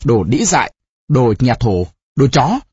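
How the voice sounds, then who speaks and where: Casting: narrator doing a stern old village teacher, gruff and scolding, dry husky sound. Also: medium pitch, sing-song, unhurried, warm tone, no room sound, dull audio, exaggerated voice. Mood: angry. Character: stern older village scholar father.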